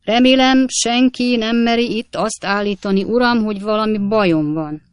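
A woman voicing a drunken, angry male preacher who slurs his words and talks loud and combative. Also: medium pitch, clear, resonant tone, no room sound, clean studio sound, voice pushed up, lightly acted. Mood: drunkenly belligerent. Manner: slurred, loud and belligerent.

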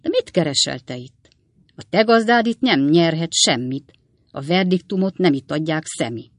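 Lady reading an audiobook doing a slow old coachman dad, low and drawly, dry sound. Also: animated, no echo. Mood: fond. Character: old male coachman, fond, slow-spoken father.

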